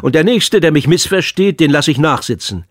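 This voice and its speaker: A man's voice: a little high, animated, fairly quick, dry recording, voice pushed up. A man voicing a stern, flustered substitute teacher. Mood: exasperated. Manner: strict, exasperated.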